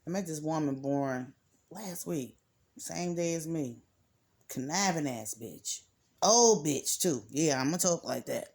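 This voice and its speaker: A woman's voice: sits low, animated, unhurried, creaky, darkish tone. A woman giving a casual, rambling reading to her viewers, blunt and cursing freely. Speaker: card reader.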